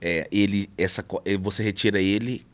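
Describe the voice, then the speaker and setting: A man's voice: sits low, moderate pace. Chatty man telling shop stories. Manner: storytelling, animated when telling anecdotes. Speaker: car wrap shop owner. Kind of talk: casual interview chat.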